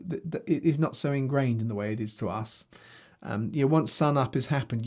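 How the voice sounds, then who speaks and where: Filming himself with a video camera, a Bible teacher reads passages of scripture and teaches on them in a conversational style, pausing to restart as he thinks aloud. His voice is medium-pitched and a little mellow.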